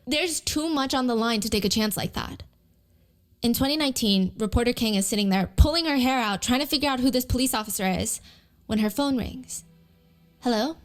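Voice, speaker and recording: A woman with a slightly high voice narrates a true story in a conversational tone and reads out messages as she goes. Soft music plays under her voice, which comes from a clip being replayed. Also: a little fast. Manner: conversational, reads out texts and quotes. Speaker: documentary narrator. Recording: narration played with background music.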